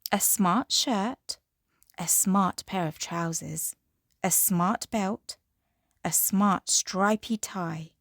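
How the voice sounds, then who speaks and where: A woman reading a children's storybook aloud in an expressive, measured fairy tale opening manner. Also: mid-range voice, no echo, studio quality.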